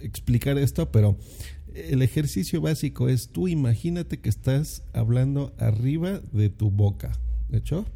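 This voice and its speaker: A man hosting his own podcast in a relaxed, rambling way, full of fillers and "¿no?" tag questions, on a condenser mic. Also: mid-range voice, creaky, husky. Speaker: podcast host. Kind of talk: casual solo podcast talk. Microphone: condenser microphone.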